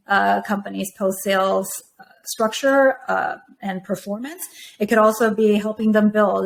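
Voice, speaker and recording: A woman from Taiwan, a native Mandarin speaker, answering podcast interview questions in a measured, thoughtful way. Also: medium pitch. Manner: measured, thoughtful, with frequent fillers. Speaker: podcast guest, venture firm operator. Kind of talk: conversational interview.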